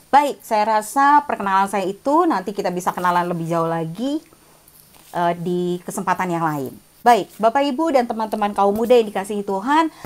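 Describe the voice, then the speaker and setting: A woman in her forties giving a casual, chatty sermon reflection over a video call, self-deprecating and laughing often. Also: medium pitch. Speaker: guest speaker at prayer meeting.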